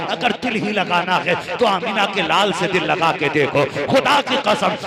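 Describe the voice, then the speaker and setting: A man's voice: high-pitched, gravelly. A man preaching a fervent sermon at a live religious gathering, telling a story with passion and repeated exclamations of praise. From India. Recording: live recording with loud crowd. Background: loud crowd.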